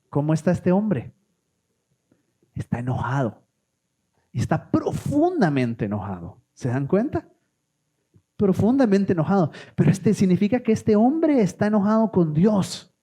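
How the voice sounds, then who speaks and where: A man preaching a sermon, often asking the congregation questions. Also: high voice. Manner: animated, asks the congregation questions.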